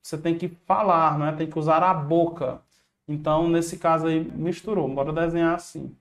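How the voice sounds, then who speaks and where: A man's voice: a little high, fairly even intonation, moderate pace. Upbeat Brazilian man teaching a lesson. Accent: Brazilian Portuguese. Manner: casual, encouraging, uses slang. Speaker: exam prep teacher. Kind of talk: online video lesson.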